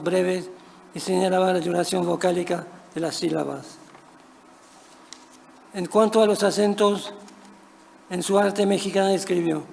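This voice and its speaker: A man with a high, gravelly voice reads a prepared academic paper in a measured, even tone. His delivery stays flat and careful, and he sometimes corrects himself. He is heard in a reverberant conference hall with faint noise behind him. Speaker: conference speaker.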